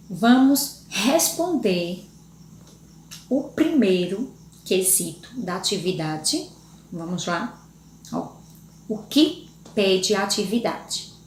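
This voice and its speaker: A woman's voice: mid-range voice, slight background noise. A woman teacher giving a lesson to young children in Brazilian Portuguese, spelling out letters and syllables patiently and often checking in with the class. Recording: echoey room.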